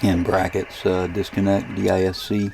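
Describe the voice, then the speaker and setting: This man, a radio hobbyist, gives a casual, rambling software demo, hesitating and thinking aloud. His voice is deep and gravelly, with little pitch movement, at a normal speed, and background noise can be heard.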